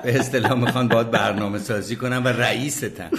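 A man's voice: medium pitch, steady tone, gravelly, crowd noise. An older man chatting casually as a podcast guest, opinionated and hesitant, with many fillers and restarts. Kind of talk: casual chat.

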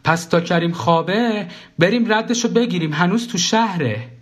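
A man putting on a shrill bossy wife. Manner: shrill, scolding, rapid questions. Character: bossy chattering woman, wife and mother.

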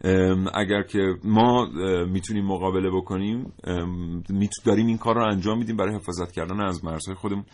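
A man's voice: sits low, fairly even intonation, few pauses, darkish tone. A man co-hosting a studio discussion, talking in an emphatic, lecturing way. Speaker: co-host.

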